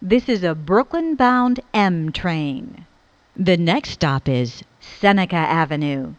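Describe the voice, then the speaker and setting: A woman delivers recorded transit announcements through a dull, lo-fi speaker. Her pace is very slow and her pitch fairly low yet varied, with stilted phrases that sound spliced together from separate words. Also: lively intonation, dry recording. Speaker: train announcer.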